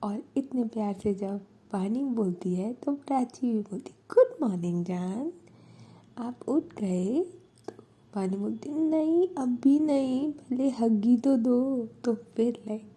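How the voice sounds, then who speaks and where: Female storyteller, whispered storytelling, soft and intimate, very dark breathy tone. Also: fairly high pitch. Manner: soft and intimate, mixing English words. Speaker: storyteller, channel host.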